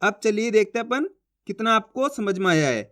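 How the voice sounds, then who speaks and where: A man with a high-pitched voice teaching a beginners' reading lesson. He speaks patiently, drawing out syllables and repeating them one by one. He keeps checking whether the learner is following along. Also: lively intonation, fairly quick, a bit bright.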